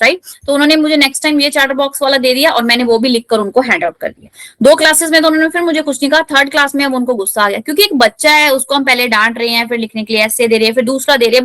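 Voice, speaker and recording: A woman teacher explaining a textbook lesson, switching between Hindi and English, reading lines slowly and then explaining them in a lively way. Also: sits high, no room sound. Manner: lively, acts out the story's voices.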